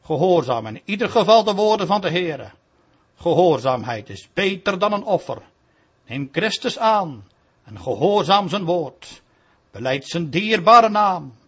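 Pleading preacher with a lively husky voice. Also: male voice, sits high, a little slow. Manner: solemn, pleading. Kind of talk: sermon.

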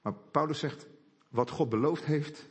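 A man's voice: a little high, unhurried, breathy edge. A man preaching a sermon, asking rhetorical questions and answering them himself. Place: church hall. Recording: echoey hall.

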